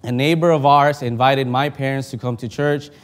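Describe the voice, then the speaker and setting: A young adult man from the Philippines preaches a sermon, reading scripture and praying with earnest, heartfelt feeling. His voice is medium-pitched, at normal speed and fairly even in intonation, rising for emphasis and dropping soft in prayer.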